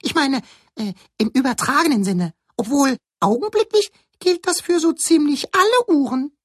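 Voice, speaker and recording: A woman's voice: high-pitched, lively intonation, no echo, clean studio sound. A woman playing an eager young cuckoo. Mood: cheerful, lively. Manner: chirpy, quick to cheer others up. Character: eager young male cuckoo learning to fly. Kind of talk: audiobook character voice.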